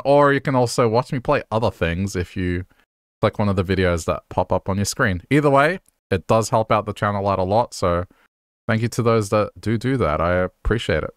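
A man streaming a video game, chatting casually in a relaxed, rambling way. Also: lowish voice, no room sound, clean studio sound. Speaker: gaming streamer. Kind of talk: casual gaming commentary.

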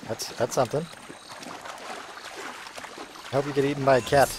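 A man's voice: medium pitch, steady tone, normal speed, noisy background. Wry man doing game commentary. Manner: wry, grumbling, rambling asides. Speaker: gameplay commentator. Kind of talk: casual video game playthrough commentary. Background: game ambience.

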